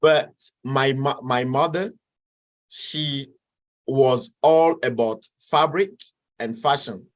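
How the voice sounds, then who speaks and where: Speaking at a medium pitch, a Togolese guest in his twenties works through interview questions with frequent fillers and restarts. His accent is Togolese French, and his delivery is halting.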